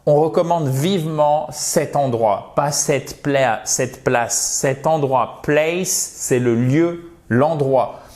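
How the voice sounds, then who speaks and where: A man's voice: a little high, slow, few pauses, a little mellow. A man from France teaching English in an online lesson, patiently repeating words for pronunciation and addressing viewers as dear friends.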